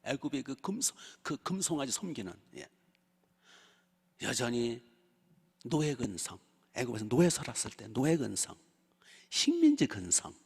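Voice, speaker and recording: Older male pastor, husky gravelly voice, lively story-driven sermon, long church-hall reverb. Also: medium pitch, normal speed, long pauses. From Chungcheong region, South Korea. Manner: lively storytelling with rhetorical questions to the congregation. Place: church sanctuary.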